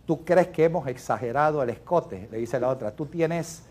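A man's voice: medium pitch, normal speed, darkish tone. A man telling a joke, laughing as he tells it. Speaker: joke teller. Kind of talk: telling jokes.

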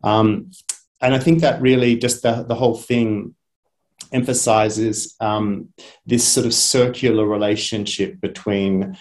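A man's voice: on the low side, steady tone, measured pace, darkish tone. A man presenting in an online webinar, talking in a chatty way with frequent ums and restarts. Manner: chatty, hesitant with many ums. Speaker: head of a media academy. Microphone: video call.

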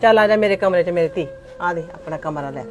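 A woman's voice: medium pitch, moderate pace, darkish tone, natural voice. A woman as a blunt, caring middle-aged mother. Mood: tender. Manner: blunt, scolding, then motherly. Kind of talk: scripted Punjabi skit.

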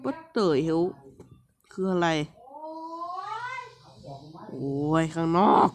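A man's voice: high voice, expressive, drawn-out words, slight background noise. A man giving casual let's-play commentary on a platform game, playful, teasing and scolding the game characters with frequent little exclamations.

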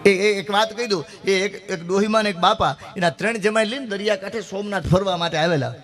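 A middle-aged man, telling rustic folk jokes on stage and switching quickly into the voices of his characters. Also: high voice, fairly bright tone, faint music behind. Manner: rapid rustic joke-telling with dialogue voices. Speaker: folk comedian. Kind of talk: stage folk humor storytelling.

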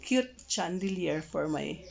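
A woman giving a slow, casual tour of her house being renovated, recorded on a phone. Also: lowish voice, expressive, creaky, a little mellow. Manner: slow, plain narration with fillers, teasing the workers. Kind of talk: casual home tour vlog. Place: outdoors and inside a house under construction. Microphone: phone camera held by the speaker. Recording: dull phone audio, voices around.

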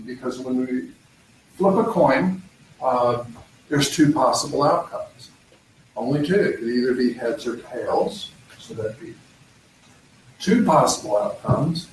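A man's voice: medium pitch, expressive, unhurried. A middle-aged man tutoring math in a live-streamed session, explaining step by step with many "uh" and "um" fillers. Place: campus learning center room. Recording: roomy, mic at a distance, faint background hum.

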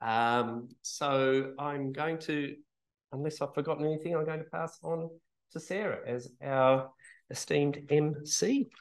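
A man's voice: a little high, unhurried, rough recording. Man, event opening remarks, informal, filler-heavy. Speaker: event organiser.

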